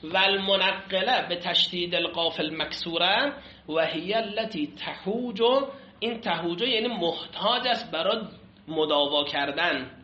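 Guy lecturing a class, reads a line then explains, keeps quizzing students, high voice, roomy muffled recording. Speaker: seminary teacher. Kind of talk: classroom lecture on an Arabic legal text. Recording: echoey room, muffled lo-fi sound.

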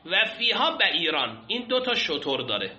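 A male teacher lectures to a class, walking through a text line by line and stopping to quiz his listeners. His voice sits high and sounds very bright and sharp. The room is echoey and the recording sounds dull and lo-fi. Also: very animated. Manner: explains step by step, often asks the class questions. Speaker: seminary teacher. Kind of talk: classroom lecture on Islamic law texts. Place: classroom with a whiteboard.

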